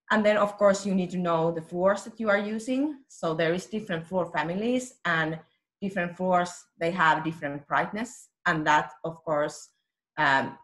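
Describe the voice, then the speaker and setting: A woman's voice: on the low side, fairly bright tone. A woman with a Finnish accent, a technical application scientist giving a webinar presentation, explaining steadily with frequent "uh"s and small self-corrections. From Finland.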